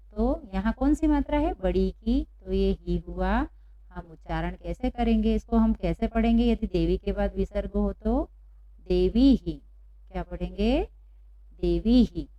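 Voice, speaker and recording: A woman's voice: medium pitch, mellow. Woman, teacher, patient drilling, repeats answers, muffled lo-fi audio. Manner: asks questions and repeats answers slowly. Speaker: Sanskrit teacher. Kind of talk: classroom-style pronunciation lesson.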